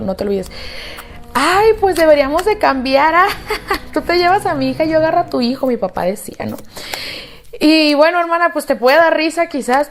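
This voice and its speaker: A young Mexican woman narrating a storytime in a chatty way, with indignant asides to the listener. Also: high-pitched.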